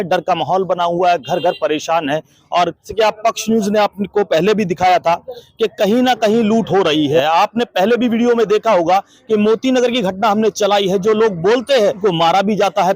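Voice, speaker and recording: High-voiced man reporting from a street. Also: no room sound. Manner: urgent, dramatic appeals. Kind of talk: on-the-spot news report. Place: outdoors in a crowded street.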